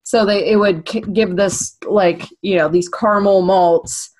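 A woman's voice: mid-range voice, steady tone, measured pace, a little mellow, rough recording. A woman co-hosting a casual beer review, chatty and giggly, reading facts aloud between sips. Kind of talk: casual chat.

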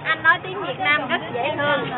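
A woman's voice: high voice, moderate pace. A woman in casual conversation. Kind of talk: casual chat. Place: outdoor night market food stall. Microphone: a step from handheld camera. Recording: tinny, very noisy crowded street. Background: loud crowd and street noise.

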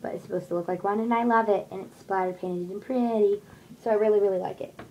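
A young woman rambles casually about her shopping haul in a small bedroom with posters, using lots of fillers. Her mid-range voice is darkish and fairly even, and she talks fast. The close-range desk webcam gives a low-quality recording with a little hiss or hum.

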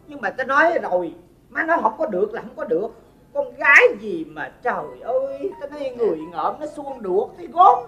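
A woman's voice: on the high side, big pitch swings, brisk, pushed and bright. A woman playing a fussy middle-aged mother, who scolds and complains in a comedy sketch. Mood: scolding.

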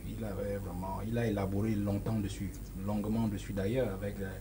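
A man's voice: lowish voice, little pitch movement, a little fast, background noise. A man in his forties with a Cameroonian French accent, a guest speaking emphatically in a studio interview, with frequent hesitations. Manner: emphatic, gestures while speaking, many hesitations. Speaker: political guest. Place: small studio set with sofas. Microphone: lapel.

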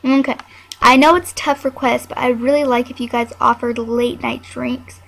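High-voiced young woman narrating a game. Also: steady tone, normal speed, creaky, fairly bright tone. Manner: chatty, scolds a barking dog, trails into mutters. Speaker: gameplay narrator. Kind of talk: casual game commentary.

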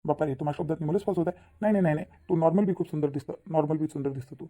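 A woman voicing a cartoon character with rapid, teasing talk. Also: low voice, dark tone. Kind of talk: Marathi cartoon voice acting.

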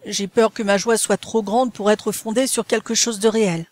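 A woman reading an excitable, breathless young lady. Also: medium pitch, moderate pace, close to an everyday voice. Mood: eager. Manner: breathless, exclamatory.

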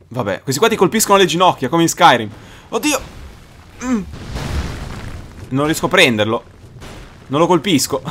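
Excitable young man. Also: on the high side, slight background noise. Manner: excitable, swears, shouts at the game. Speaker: gaming YouTuber. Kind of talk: let's play commentary.

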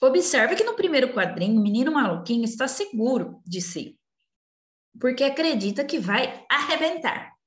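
Gentle, lively woman teacher in echoey room. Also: sits high. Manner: slow, coaxing, talks down gently to young children. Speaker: primary school teacher. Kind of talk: recorded remote class walkthrough. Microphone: computer recording while sharing screen.

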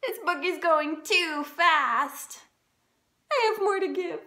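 A woman voicing an anxious, excitable male storybook elephant, exclaiming dramatically and stretching out words. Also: extremely high pitch, heavily acted. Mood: frantic, distraught. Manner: dramatic, exclamatory, drawn-out wailing. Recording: roomy echo of a bedroom.

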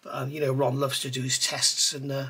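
The speaker is a middle-aged man with a brisk, slightly rough mid-range voice. He explains a scale model build at his indoor workbench under an overhead camera, chatting and wandering off on tangents while his hands work.

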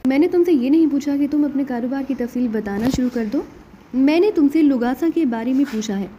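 A man's voice: extremely high pitch, warm tone, slight background noise. A woman voicing a stern, grave senior male officer in an audiobook.

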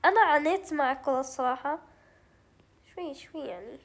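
A woman's voice: high-pitched, lively intonation, quick pace. A young woman with a Levantine Arabic accent, chatting through a game as she plays, thinking aloud and mixing in English words. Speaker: gaming channel host. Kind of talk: let's play commentary.

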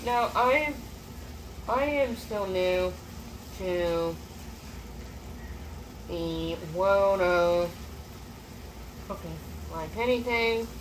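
A woman's voice: mid-range voice, drawn-out words, long pauses. Young woman, casual home cooking vlog, rambling with fillers and restarts, phone close up, noisy recording. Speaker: cooking vlogger. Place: small home kitchen, indoors. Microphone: phone camera close up.

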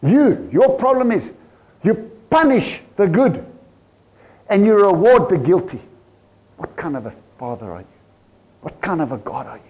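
A man's voice: high-pitched, big pitch swings, normal speed, long pauses, a little mellow, voice pushed up. A man voicing a resentful, angry older brother, speaking indignantly and accusingly with a South African accent.

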